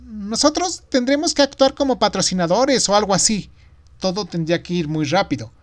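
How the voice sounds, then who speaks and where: A man voicing an excited young wife who talks eagerly on the phone. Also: sits high, a little fast, voice pushed up.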